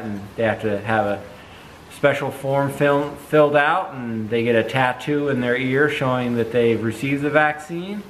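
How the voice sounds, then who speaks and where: Man dairy farmer, steady matter-of-fact explainer, open barn, camera nearby. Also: medium pitch, slight background noise, low-quality recording. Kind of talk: casual farm vlog talk. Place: open-sided barn outdoors.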